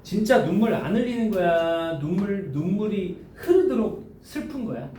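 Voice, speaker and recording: A male high school teacher giving a classroom lecture, throwing quick questions at students in casual speech. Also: very animated, warm tone. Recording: echoey classroom from a distance with faint noise.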